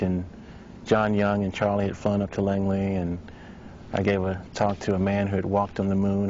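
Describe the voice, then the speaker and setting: Man, deep monotone voice, relaxed storytelling interview, dull lo-fi sound. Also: a little hiss or hum. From Virginia, USA. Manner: storytelling, uses "you know". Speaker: astronaut. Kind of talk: documentary interview. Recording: dull lo-fi recording.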